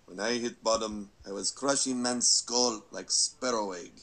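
Casting: earnest animated game wrestler, heavy Russian accent, slow solemn delivery, sharp-edged tone. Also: male voice, lowish voice. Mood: solemn confiding. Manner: deliberate, solemn, drops articles. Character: brawny Russian wrestler video game villain, earnest, philosophical. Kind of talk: animated film dialogue.

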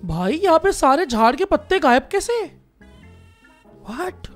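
A young man with an Indian accent and a sore throat, giving loud, excitable Minecraft commentary and yelling at game characters. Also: very high-pitched, slow. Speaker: gaming YouTuber. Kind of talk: Minecraft let's play commentary. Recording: faint music behind the voice.

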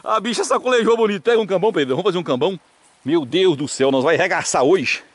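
A man with a Brazilian caipira country accent giving casual, excited, jokey fishing commentary outdoors from behind a handheld camera. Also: sits high, racing. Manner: animated, jokey, exclamatory. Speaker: vlog host and cameraman. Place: open hillside pasture by ponds, outdoors.

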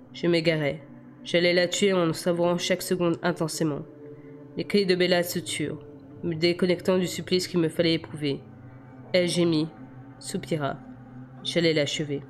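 A woman reading a novel aloud in steady first-person narration, stumbling over a word now and then. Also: lowish voice. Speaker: amateur audiobook reader.

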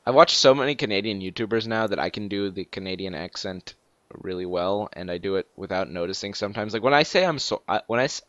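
A teenage boy hosting a casual game let's play, rambling and excitable with lots of fillers and restarts. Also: fairly low pitch, fast, no echo. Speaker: gaming channel host. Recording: dull lo-fi dry mic.

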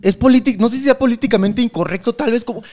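A man's voice: extremely high pitch, quick pace. A man with a Mexican accent, a podcast guest telling stories casually and acting out the voices of the people in them. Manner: animated storytelling, acting out quoted voices. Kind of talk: casual comedic interview talk.

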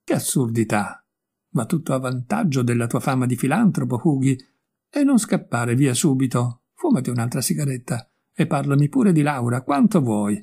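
A man's voice: mid-range voice, sing-song, normal speed, gravelly, dark tone, slightly rough, heavily acted. A man voicing a witty, worldly young male painter in an audiobook, speaking in a breezy, teasing way. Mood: amused. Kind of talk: audiobook character voice.

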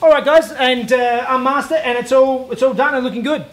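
Recorded on a lapel mic over music, a DIY car repair host in his thirties with an Australian accent walks through a body repair in his garage workshop. It's a hands-on tutorial with voice-over, and he's relaxed, practical and self-deprecating, filling gaps with plenty of "uh"s. His voice sits extremely high and moves a little fast.

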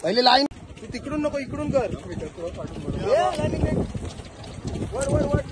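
A man on a fishing boat outdoors, giving bossy short shouted instructions while coaching a catch. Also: very high-pitched, steady tone, normal speed, heavy background noise. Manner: bossy, barks short commands.

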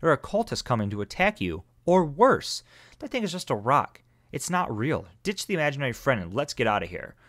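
A man reading the lines of a brisk, impatient young woman gym leader in a game let's play. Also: mid-range voice, very animated, fairly bright tone, dry recording, studio quality, voice pushed up.

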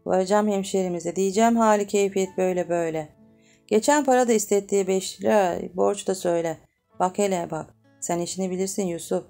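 A woman's voice: medium pitch, fairly even intonation, brisk, warm tone, faint music behind, lightly acted. A woman reading as a hearty young laborer. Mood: fired up. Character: hot-headed young male laborer, Yusuf's friend.

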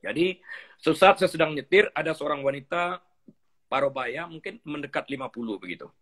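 A husky, slightly high-pitched man in middle age speaks as a pastor in a relaxed interview. He tells stories animatedly, acts out little dialogues and mixes English phrases into his talk. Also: normal speed. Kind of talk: conversational teaching interview.

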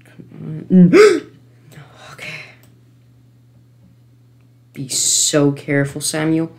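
A low-voiced woman narrates her own gameplay into a desk microphone at home. She talks slowly and pleads with the game, then breaks into sudden gasps and frustrated yells. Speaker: gamer. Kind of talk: let's-play commentary. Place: home computer setup.

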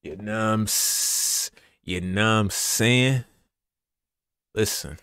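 A young man streaming a horror game, talking in a relaxed, slangy hype style and repeating his phrases. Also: lowish voice, slow pace, smooth, no echo, clean studio sound. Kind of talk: casual live gameplay commentary.

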